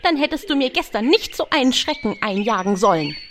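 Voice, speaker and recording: Strict old auntie, exasperated, high voice swooping around, audio drama, noisy background. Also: female voice, very animated, fairly quick. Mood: firm, wry. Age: older. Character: stern, exasperated old aunt, no-nonsense guardian.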